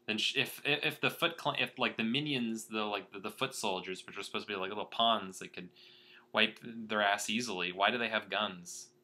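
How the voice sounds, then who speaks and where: A man's voice: on the low side, fairly quick, sharp tone. Rambling young male podcast host. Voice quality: rambling, frequent restarts. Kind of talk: casual movie-review chat.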